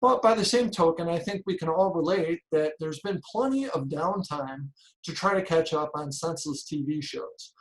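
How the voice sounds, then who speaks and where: Middle-aged guy from chicago telling his story at a conference, earnest and punchy, bit higher voice. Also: animated, normal speed, low-quality recording. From Chicago area, United States. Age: 40s. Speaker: conference speaker. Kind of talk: inspirational personal talk.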